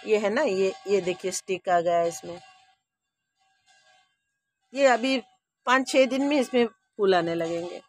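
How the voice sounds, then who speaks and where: Soft music plays in the background as a sixties-aged woman walks her audience through her rooftop garden, filming on a handheld phone outside. Her mid-range voice is unhurried and often pauses, and her chatty, homely talk carries no echo.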